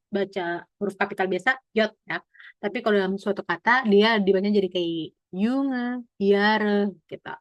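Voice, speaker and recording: A woman teaching German pronunciation in an online class, explaining patiently and often checking in with "gitu ya" as she slowly models each sound. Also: mid-range voice, a bit bright, no room sound.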